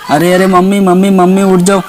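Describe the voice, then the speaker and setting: A frightened little girl cries out again and again for her parents, as a man puts her on. Her calls are high and urgent, repeating each word. It plays like a homemade doll story. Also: monotone, a little fast, darkish tone, slight background noise, close to an everyday voice. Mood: alarmed. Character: scared young girl waking her parents.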